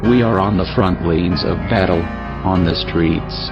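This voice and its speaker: A man's voice masked into a disguised, very deep tone, low and heavy throughout. He reads a scripted statement in a grave, steady, declaiming way. The sound is dull and lo-fi, with clear music playing behind him. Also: unhurried.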